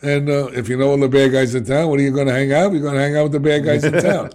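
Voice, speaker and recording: A middle-aged man with a New York accent talks plainly about his past. His delivery is blunt and streetwise, and he keeps checking in with a quick "okay?" as he goes. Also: medium pitch, fairly even intonation, a little mellow. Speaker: guest sharing recovery story. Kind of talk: candid conversational storytelling.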